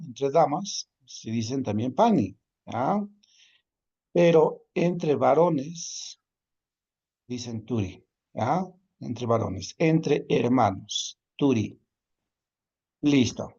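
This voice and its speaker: A man's voice: fairly high pitch, warm tone, dull audio. A man teaching a language class, repeating each word patiently and checking in often with his students. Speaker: Quechua teacher. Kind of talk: online class lesson.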